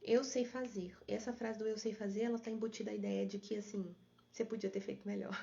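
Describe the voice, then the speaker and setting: Husky-voiced woman therapist live. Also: mid-range voice, little pitch movement, fast talker, mellow, dull audio. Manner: explanatory, reads and answers viewer comments. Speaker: therapist hosting a live stream. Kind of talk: live stream talk to viewers.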